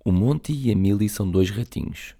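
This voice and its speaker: A man reading a children's story aloud, lively and talking to young listeners. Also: lowish voice, fairly quick.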